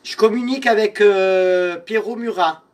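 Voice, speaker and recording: A man hosting a live-stream clothing sale, theatrically teasing and mock-insulting his viewers by name, swinging between muttering and shouting. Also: high voice, a little slow. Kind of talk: live-selling stream chat.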